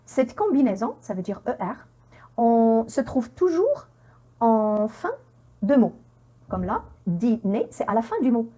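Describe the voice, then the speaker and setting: A woman teaching pronunciation in an online lesson, repeating words slowly and quizzing the viewer with encouraging checks. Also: on the high side, big pitch swings, mellow. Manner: encouraging, with frequent "hein?" checks.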